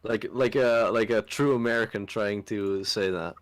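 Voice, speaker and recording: A man's voice: on the low side, fairly even intonation, normal speed, dry recording. A man chatting casually with a friend, hesitant and full of fillers. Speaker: friend on call. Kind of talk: casual chat.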